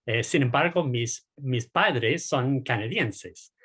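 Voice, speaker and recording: Hesitant man in his sixties, husky. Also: mid-range voice, slow pace, a bit bright. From United States. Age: 60s. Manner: hesitant, many repeated words and fillers. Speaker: guest political scientist. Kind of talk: casual interview answers.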